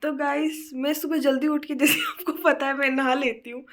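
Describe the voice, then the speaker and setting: A young woman vlogging casually at home, hoarse from a cold and laughing often as she chats. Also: high-pitched, flat delivery, moderate pace. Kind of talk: casual home vlog chat. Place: bedroom at home.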